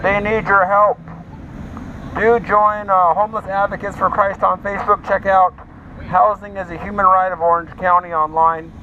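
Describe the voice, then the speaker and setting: Through a megaphone outdoors, a homeless advocate and street speaker delivers an impassioned, emphatic speech full of religious appeals and repeated slogans. His voice is high and sharp, fairly flat in pitch, at a normal speed. The sound is noisy and dull, with traffic around him.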